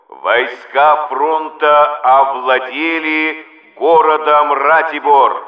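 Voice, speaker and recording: Casting: male wartime radio announcer, solemn, declamatory and measured, on a dull, reverberant vintage broadcast recording. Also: medium pitch. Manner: solemn, declamatory, measured delivery with weighty pauses. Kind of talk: solemn 1940s wartime radio bulletin reading. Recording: old muffled, echoey radio recording.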